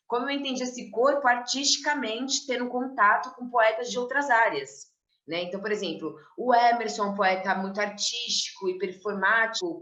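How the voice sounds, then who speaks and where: A woman's voice: mid-range voice, fairly bright tone, roomy sound, lo-fi sound. A woman and slam poet talking reflectively on an online panel, with fillers.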